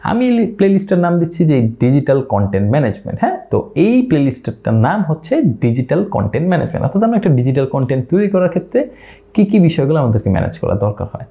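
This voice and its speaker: Bangladeshi guy in his 30s, rattles off tips super fast, mellow tone, up and down a lot. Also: a little high, sing-song, vocal fry. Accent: Bangladeshi Bengali. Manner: chatty, explains with repeated asides. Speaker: YouTube creator. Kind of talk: casual talking-head tutorial. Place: home at night.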